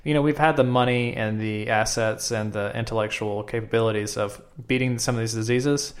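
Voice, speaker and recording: A man's voice: lowish voice, brisk. Sarcastic young man on a podcast. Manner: sarcastic, animated joking. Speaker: podcast co-host. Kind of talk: casual podcast banter.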